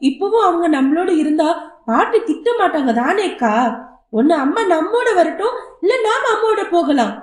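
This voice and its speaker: A woman's voice: very high voice, sing-song, normal speed. A woman voicing a small, stubborn and tearful boy who pleads in a whiny child voice. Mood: pleading. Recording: roomy echo.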